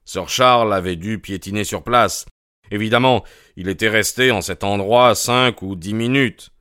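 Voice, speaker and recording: A man's voice: fairly low pitch, a bit bright, clean tone, dry recording, studio quality, natural voice. Man reading a grave, cautious country doctor. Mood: factual. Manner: measured, earnest, reluctant. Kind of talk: audiobook character reading.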